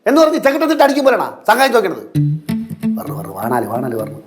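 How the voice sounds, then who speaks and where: A man's voice: high-pitched, wildly swooping pitch, very fast. An actor playing a stubborn, blustering middle-aged father in a TV sitcom. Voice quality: teasing, blustering. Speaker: father of the family. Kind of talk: TV sitcom acting. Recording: TV sitcom with faint music.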